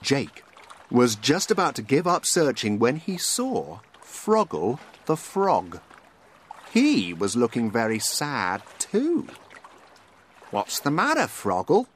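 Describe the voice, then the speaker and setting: A man reading a children's story aloud. He speaks very slowly and expressively. His pitch swings wildly from word to word around an ordinary middle register. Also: a little hiss or hum. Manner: slow and expressive.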